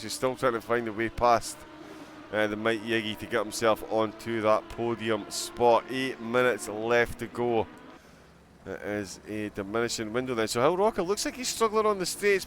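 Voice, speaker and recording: A man's voice: medium pitch, a bit bright, slight background noise. Chatty male sim-racing commentator. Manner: chatty, giggly, reads and reacts to chat. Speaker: esports race commentator.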